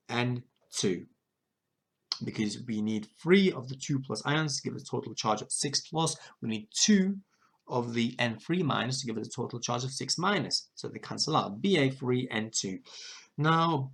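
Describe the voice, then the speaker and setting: Husky man explaining chemistry step by step. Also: medium pitch. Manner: methodical, self-correcting explanations. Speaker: chemistry teacher. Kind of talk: exam question walkthrough.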